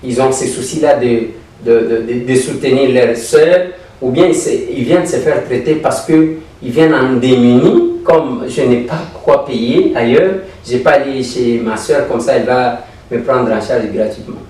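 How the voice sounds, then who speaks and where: A man interviews a guest, asking probing questions with hesitant fillers and repeated words. His voice is mellow and dark in tone. He is recorded from a distance in a very echoey room with faint noise. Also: mid-range voice, moderate pace.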